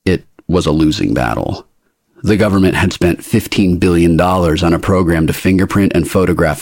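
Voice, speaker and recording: A man narrating a story in an even, wry manner on a close mic. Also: sits low, gravelly, breathy edge, no room sound. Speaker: audiobook narrator. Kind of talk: scripted narration.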